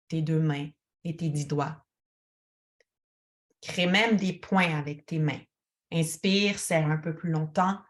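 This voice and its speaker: Guiding a single listener through relaxation, a woman speaks as a yoga teacher in a soothing, calm, instructional manner. She has a low voice.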